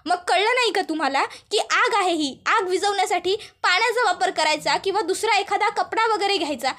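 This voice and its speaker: A woman voicing a sharp-tongued young bride who scolds her husband with rapid rhetorical questions. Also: very high voice. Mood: scolding.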